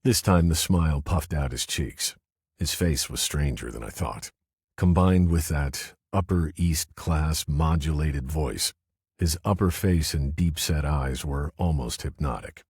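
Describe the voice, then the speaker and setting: A man narrating a first-person mystery audiobook in a wry, deadpan manner. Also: very deep voice, unhurried, breathy edge, no echo, clean studio sound.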